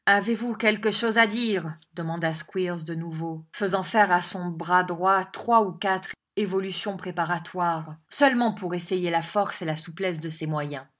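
A woman narrating an audiobook with a measured, expressive reading. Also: lowish voice.

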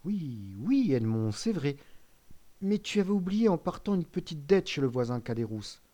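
Man reading as a frail old dad, poor and proud, soft tired voice, kinda quiet and low, audiobook style. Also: very animated, moderate pace. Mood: weak, tender. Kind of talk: audiobook character voice.

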